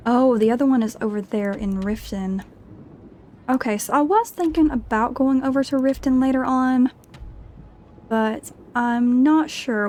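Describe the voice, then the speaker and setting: A woman's voice: a little high, dark tone. A woman giving casual gameplay commentary as she role-plays through a video game. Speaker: gamer narrating a role-play playthrough.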